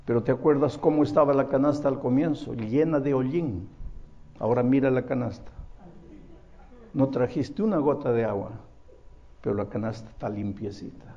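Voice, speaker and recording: A man voicing a gentle, patient, devout old grandmother who speaks softly and slowly. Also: medium pitch, muffled recording, voice pushed down, natural voice. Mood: tender.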